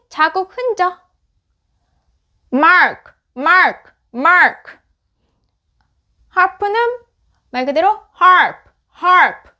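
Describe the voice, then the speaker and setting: A woman's voice: very high voice, bright, forceful tone. A woman teaching beginner English phonics. She repeats each word three times, then gives its meaning and tips on how to say it. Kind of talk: slow repeated word drills with explanations.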